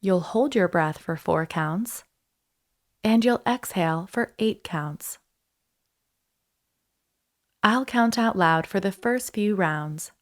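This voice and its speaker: This is a guided breathing meditation led by a woman with a medium-pitched voice. She keeps a soothing, leisurely pace, pausing after each short instruction.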